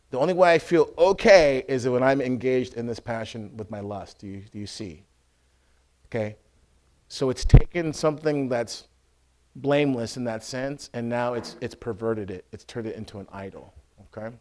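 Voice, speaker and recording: A man, an Orthodox priest, teaching in a conversational way, often checking that listeners follow and acting out scenes loudly. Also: mid-range voice, normal speed, slight background noise. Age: adult with a school-age son. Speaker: Orthodox priest giving a talk.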